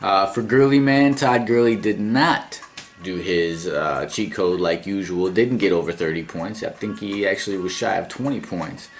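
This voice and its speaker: A man's voice: deep voice, moderate pace. A man hosting a casual recap as commissioner of his fantasy football league, laid-back and rambling, with fillers and small chuckles.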